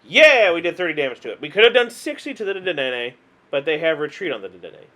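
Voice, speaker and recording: A man's voice: a little high, sing-song, fast, sharp tone. A man commenting casually on his own online card game, chatty and exasperated, laughing at himself as things go wrong. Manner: chatty, exasperated, self-mocking; hums and sighs, laughs at himself. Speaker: gaming video host.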